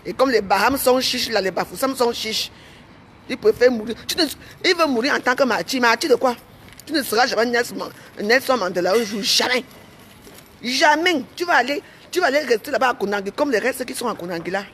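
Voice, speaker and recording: A woman's voice: a little high, lively intonation, fairly quick, fairly bright tone, slight background noise. A woman with a Cameroonian French accent, a vlogger speaking straight to her audience in a heated, indignant rant, repeating herself and tagging phrases with "hein".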